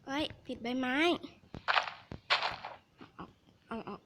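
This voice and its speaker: A woman casually commenting on her gameplay at home, often muttering to herself in a half-whisper. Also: slow pace. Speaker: game streamer. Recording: noisy home recording with background hiss.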